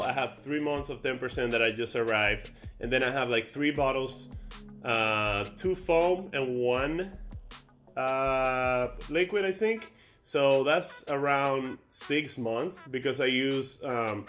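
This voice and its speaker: A young man from the Dominican Republic, speaking with a Dominican Spanish accent, makes a casual sit-down YouTube video. His voice is medium-pitched and fairly bright, and his talk meanders with frequent fillers and restarts.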